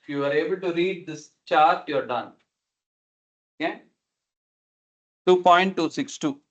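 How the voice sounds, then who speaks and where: Higher-voiced male lecturer on a video call. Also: measured pace, fairly bright tone. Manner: didactic, repeats and checks understanding. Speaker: lecturer teaching numerical methods. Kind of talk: explanatory online class, questioning students. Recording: dull, lo-fi online meeting audio.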